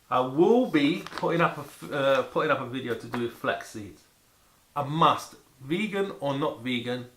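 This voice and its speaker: Bright-voiced man in an echoey room. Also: medium pitch. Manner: animated, exclamatory, repeating words for emphasis. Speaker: vlogger presenting food to camera. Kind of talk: casual rambling food chat to camera. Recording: echoey room with faint background noise.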